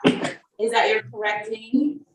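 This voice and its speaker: A woman's voice: a little high, takes it slowly, background noise. Woman judge in an echoey room. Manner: procedural, formulaic, polite. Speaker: judge presiding over court. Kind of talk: formal courtroom questioning. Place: remote court hearing, indoor room.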